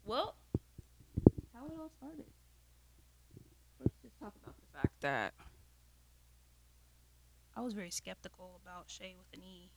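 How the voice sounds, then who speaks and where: A woman's voice: medium pitch, sing-song, unhurried, creaky, pauses often, noisy background. A woman co-hosting a podcast with friends, joking, swearing and laughing as she talks. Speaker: podcast co-host. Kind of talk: casual chat among friends.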